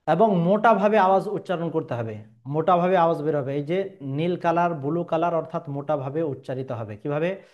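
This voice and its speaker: A man's voice: a little high, fairly quick, lo-fi sound. A man teaching Quran pronunciation step by step, patiently repeating each letter sound and stretching the vowels.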